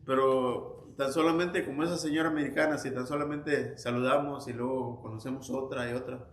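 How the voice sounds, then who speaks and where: A man with a mid-range voice and a steady tone teaches a Sunday school class at church, moving at a brisk pace. His informal Bible lesson is told as stories in a chatty way, with frequent restarts and quoted anecdotes. The church room echoes, with faint ambience and slight background noise.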